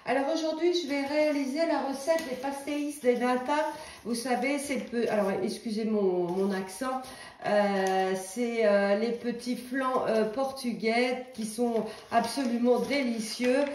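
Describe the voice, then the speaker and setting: A woman's voice: fairly high pitch, unhurried, darkish tone, roomy sound, a little hiss or hum. A woman giving a casual cooking demonstration in a home kitchen, talking in a chatty, hesitant way with many fillers.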